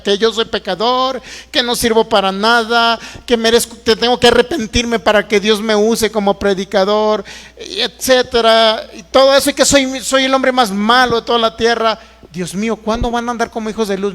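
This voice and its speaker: A man's voice: very high-pitched, a bit bright, long reverb tail. A man preaching a sermon to an online audience, emphatic and mocking, with frequent exclamations.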